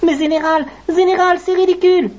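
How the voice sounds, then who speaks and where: A timid little ant soldier stammers and begs in a very high, level voice, as a woman plays him. The dull, lo-fi sound marks an old children's audio story. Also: steady tone, brisk, a little mellow. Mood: pleading. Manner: stammering, fearful pleading.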